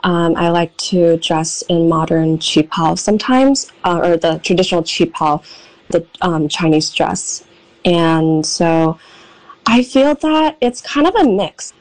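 A young woman with an American accent answering interview questions thoughtfully, pausing often with ums. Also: fairly low pitch, rough recording. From United States. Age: young adult. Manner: thoughtful, hesitant with frequent ums. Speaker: guest, painter and writer.

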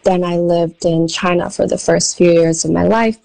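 A young woman with an American accent answering interview questions thoughtfully, pausing often with ums. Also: on the low side, flat delivery, creaky, darkish tone, poor audio. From United States. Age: young adult. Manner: thoughtful, hesitant with frequent ums. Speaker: guest, painter and writer.

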